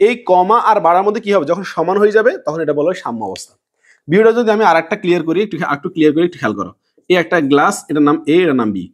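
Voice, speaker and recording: A man teaching a chemistry lesson, asking the class questions and answering them himself in a lower, softer voice, repeating key words. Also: lively intonation, very fast. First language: Bengali. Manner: drops to a low soft voice on answers. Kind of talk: classroom lecture.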